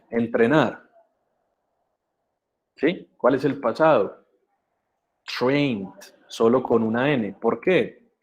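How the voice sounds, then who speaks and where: Man, English teacher, online class, slow patient delivery, switches between English and Spanish. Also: mid-range voice, muffled recording. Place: video conference.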